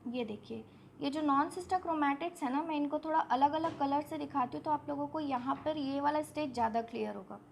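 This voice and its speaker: A woman's voice: sits high, normal speed, creaky, a little hiss or hum. A woman teaching a biology lesson step by step, posing questions to her students and answering them herself. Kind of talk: online exam-prep lesson.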